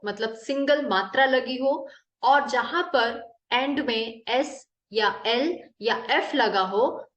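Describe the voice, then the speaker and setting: A woman teaches English spelling rules at an unhurried pace, her voice sitting a little high. She spells out example words letter by letter. The recording has a noticeable echo of a room around her. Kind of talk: spelling lesson explained in Hindi.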